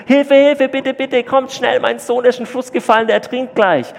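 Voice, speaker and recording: A man voicing a panicked young mother who then thanks her child's rescuer softly, told within a sermon. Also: moderate pace, vocal fry, long reverb tail, lightly acted. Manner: high frantic cries, then soft thanks.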